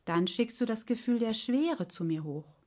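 A woman's voice: a little high, expressive, normal speed, warm tone. A woman voicing a fretful, literal-minded male mind that sounds puzzled and sheepish.

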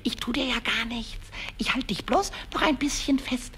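A man's voice: very high voice, big pitch swings, a little slow, roomy sound, big-room sound, a little hiss or hum, exaggerated voice. An actor voicing a mischievous, childlike little male kobold in a vintage radio play, stammering, giggling, and jumping between whispers and squeals. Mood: excited, tender.

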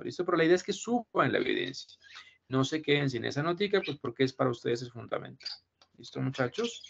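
Gravelly teacher on a call. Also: male voice, mid-range voice. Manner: reassuring, repeats himself, keeps checking with "¿listo?". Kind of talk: online class talk to students. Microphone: video call. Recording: muffled video call audio with faint noise.

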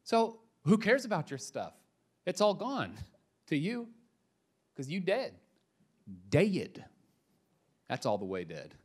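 A male pastor preaching a sermon, emphatic, moving between quiet asides and loud punches, with casual slang. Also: high voice, huge pitch swings, unhurried, pauses often, breathy edge.

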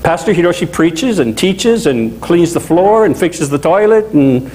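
A middle-aged pastor from Louisiana delivers a conversational sermon, his voice sitting a little high for a man. He speaks with animated, lively gestures and friendly asides. A faint room hum sits behind him in a small indoor chapel. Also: a little slow, poor audio. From Louisiana, USA.

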